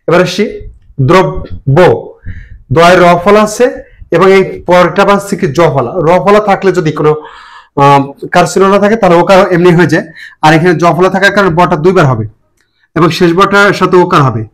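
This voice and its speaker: A man teaching pronunciation, spelling out words slowly and deliberately, syllable by syllable. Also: high voice, poor audio. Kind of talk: classroom lesson.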